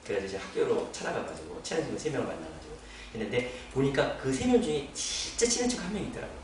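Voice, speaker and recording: A male pastor tells a story from the pulpit, his pitch jumping up and down as he acts out each person's lines. He sounds distant from the mic in a very echoey church hall, with clear noise behind him. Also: racing. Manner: animated storyteller who acts out dialogue. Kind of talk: sermon testimony storytelling.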